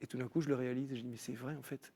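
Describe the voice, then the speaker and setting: Man, TV studio guest, faith testimony, animated, restarts often. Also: mid-range voice, rapid-fire. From France. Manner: animated storytelling, many restarts. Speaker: guest musician.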